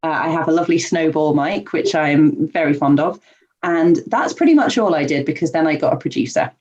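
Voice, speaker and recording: A woman with a low, slightly quick voice gives casual interview answers as a podcast guest and life coach. She sounds warm and earnest, laughing and saying "um" often, over a muffled, dull lo-fi remote line.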